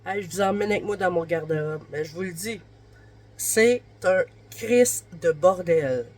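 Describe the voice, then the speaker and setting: Speaking at a measured pace in a lowish, darkish voice, a Québécois vlogger in her thirties records a casual home vlog while lying in bed in her bedroom. The flu has made her sound stuffy and congested, and she rambles, leaning on fillers.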